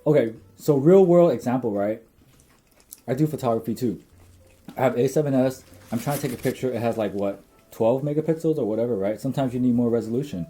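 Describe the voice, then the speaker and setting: Young man, co-host, very dark mellow timbre, joking, loose, filler-heavy, faint music behind. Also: mid-range voice, fast. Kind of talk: casual chat.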